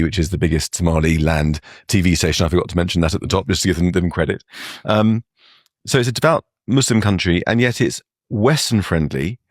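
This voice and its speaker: A man hosting an interview, asking questions in a relaxed way with occasional fillers. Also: low voice, no echo, clean studio sound. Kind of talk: interview conversation. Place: TV studio.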